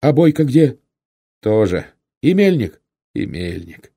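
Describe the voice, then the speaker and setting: A man voicing an excited male mounted scout who exclaims loudly in a raised voice. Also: normal speed, gravelly, dry recording, studio quality, heavily acted. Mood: urgent. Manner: loud, exclaiming, high-pitched.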